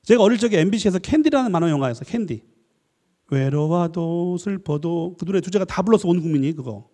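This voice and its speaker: Animated high-voiced man lecturing in a hall. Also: very fast, breathy edge. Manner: animated, jokey, asks the audience questions. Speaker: professor giving a lecture. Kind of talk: lively church lecture. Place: church hall. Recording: echoey hall with long reverb.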